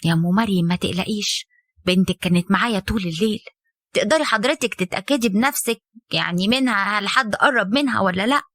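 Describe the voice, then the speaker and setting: A woman's voice: medium pitch, fast talker, fairly bright tone, no echo, studio quality, pitched below the performer's own voice. A woman voicing a stern, weary mother-in-law who lectures her son's young wife, in Egyptian Arabic. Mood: lecturing. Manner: firm, lecturing, bitter.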